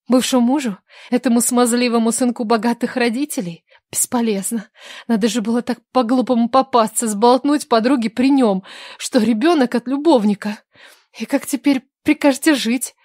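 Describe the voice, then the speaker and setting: A woman's voice: fairly high pitch, darkish tone, dry recording. Woman narrating an audiobook, dry close voice. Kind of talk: scripted narration.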